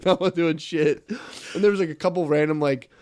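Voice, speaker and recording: A man's voice: a little high, steady tone, brisk, darkish tone, slight background noise. A man, co-hosting a podcast and telling a rambling story with lots of laughter and swearing. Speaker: podcast co-host. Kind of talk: casual chat.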